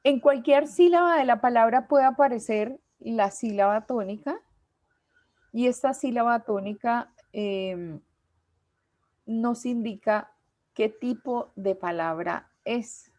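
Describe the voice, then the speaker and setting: A woman teacher, giving a class lecture patiently and slowly, with many pauses and fillers. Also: fairly high pitch, a little mellow, no echo.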